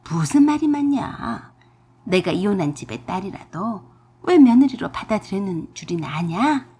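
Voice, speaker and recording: A woman's voice: medium pitch, husky, exaggerated voice. Woman doing a pushy, scolding old mother-in-law. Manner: demanding, scolding, shouting.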